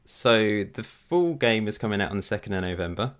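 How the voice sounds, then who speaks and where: Low, tentative man as podcast guest. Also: a little fast, a bit bright. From Chelmsford, Essex, England. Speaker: podcast guest, gaming YouTuber. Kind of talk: casual interview chat.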